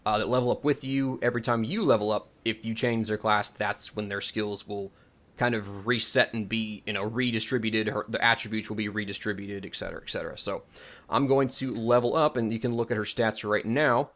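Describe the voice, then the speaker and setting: A man hosting a video demonstrates his own game mod in a loose, off-the-cuff tutorial, meandering and revising himself as he doubts his points. He speaks fairly quickly in a lowish, steady, slightly bright voice.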